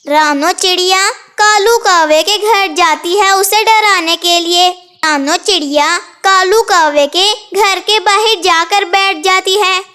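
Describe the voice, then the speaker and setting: A woman narrating a children's cartoon story in a measured, sing-song way. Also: extremely high pitch, pushed and bright.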